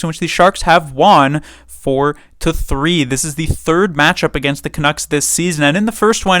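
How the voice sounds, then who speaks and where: A man giving a measured, analytical review of a hockey game as the show's host. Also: fairly high pitch, fairly bright tone, clear, resonant tone, no room sound, clean studio sound. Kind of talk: scripted-sounding game review.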